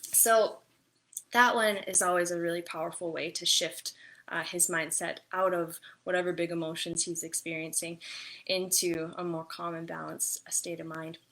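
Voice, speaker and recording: A young adult woman giving casual parenting advice in a chatty, gentle way, with many fillers and restarts. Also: fairly low pitch, flat delivery, normal speed. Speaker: parenting and wellness vlogger.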